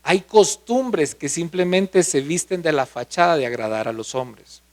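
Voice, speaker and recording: A man's voice: on the high side, expressive, measured pace. A male pastor preaching a sermon, often asking the congregation questions.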